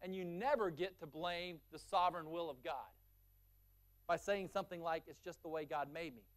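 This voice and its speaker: A man preaching a sermon at normal speed builds intensity through long strings of lists, then turns low and quiet for his essential points.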